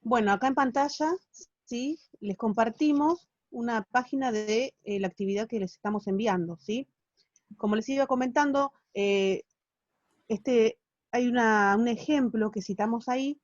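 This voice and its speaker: A woman teaches over a video call, her voice a little high and her tone patient. She keeps checking in with her students as she explains. The audio is dry and somewhat dull, like a laptop call. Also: moderate pace, dry recording. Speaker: literature teacher. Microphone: phone or laptop on a video call.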